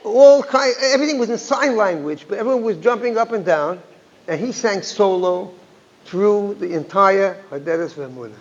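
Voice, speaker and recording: High-voiced rabbi telling a story in an echoey hall. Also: male voice, animated, normal speed. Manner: anecdotal, with frequent restarts and Yiddish phrases. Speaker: rabbi, guest speaker. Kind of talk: storytelling talk at a community gathering. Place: synagogue hall. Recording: echoey hall, dull lo-fi sound.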